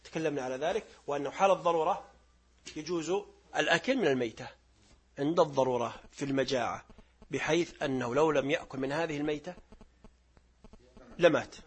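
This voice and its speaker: A middle-aged man giving a religious lesson, explaining verses, reciting them slowly and quizzing his listeners. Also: mid-range voice, breathy edge. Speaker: sheikh teaching Quran commentary.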